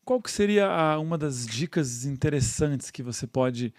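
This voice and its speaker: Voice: medium pitch, expressive, normal speed, no echo, clean studio sound. A podcast host who puts short, friendly questions and prompts to a guest. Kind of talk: casual podcast interview.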